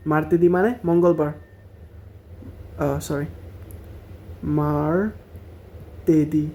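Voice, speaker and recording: Slow, mellow-voiced man teaching Italian words. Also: fairly high pitch. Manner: repeats each word slowly, syllable by syllable. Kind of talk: language lesson.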